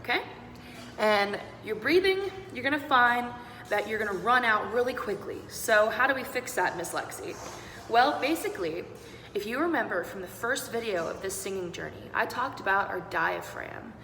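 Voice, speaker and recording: A young woman teaches beatboxing in a bright, encouraging way and talks students through every sound. Her voice rings in a roomy space with a long reverb tail. Faint background noise hums under it. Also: medium pitch, expressive, normal speed. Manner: upbeat, encouraging, demonstrates sounds step by step. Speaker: singing teacher. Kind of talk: online beatboxing lesson.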